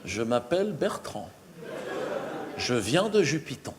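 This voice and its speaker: A man voicing a calm, soft-spoken male alien visitor who talks slowly, low and hushed. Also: noisy background.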